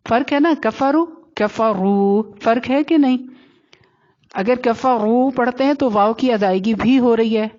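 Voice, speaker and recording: Woman teacher going over recitation rules, kinda high voice, patient, keeps asking if they got it, muffled lo-fi audio. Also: a little mellow. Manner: patient, checks understanding, slowly chants example words. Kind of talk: explaining recitation rules to students.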